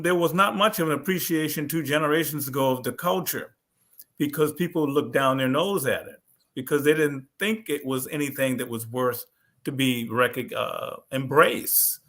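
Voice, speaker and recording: A man's voice: medium pitch, moderate pace, fairly bright tone. A man, an author, speaking thoughtfully in a panel discussion, often restarting his sentences. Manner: thoughtful, with many restarts and fillers.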